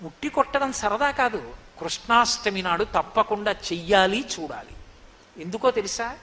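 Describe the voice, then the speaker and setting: A man giving a lively devotional storytelling discourse as a preacher. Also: sits high, moderate pace, slight background noise. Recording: long echoey hall reverb.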